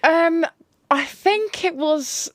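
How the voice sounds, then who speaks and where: Chatty young woman, high dry voice. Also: normal speed, dry recording. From England. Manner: chatty, hesitant, many fillers and restarts, giggly. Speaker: reality show contestant guest. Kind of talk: casual interview talk.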